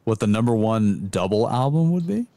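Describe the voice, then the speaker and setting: Deep, mellow-voiced man, jokey podcast chat. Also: very animated, moderate pace, no room sound. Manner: jokey and self-deprecating, enthusiastic about guitar. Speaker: podcast co-host. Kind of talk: casual music podcast chat.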